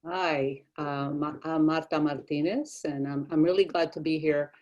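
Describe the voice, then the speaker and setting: A middle-aged woman from Mexico, raised in Texas, an arts director speaking in a roundtable with a warm, halting manner full of restarts. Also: deep voice, fairly even intonation, dull audio. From born in Mexico, raised in Texas. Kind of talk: roundtable discussion.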